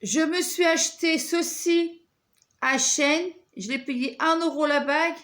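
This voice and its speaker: A woman's voice: high-pitched, unhurried, a bit bright. A woman with a French accent, talking casually and hesitantly to camera as she shows off her shopping haul, with many fillers and restarts. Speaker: vlogger showing a shopping haul.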